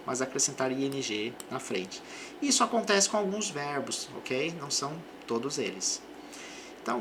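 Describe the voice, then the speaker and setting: A man teaching English vocabulary and pronunciation, speaking slowly and carefully and repeating English phrases for the learner. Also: mid-range voice, vocal fry, bright, forceful tone, a little hiss or hum. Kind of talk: pronunciation lesson.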